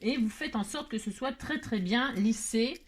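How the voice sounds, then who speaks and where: A woman's voice: fairly high pitch, measured pace. A woman hosting a casual craft tutorial, chatting in a rambling, self-mocking way with frequent laughs and asides.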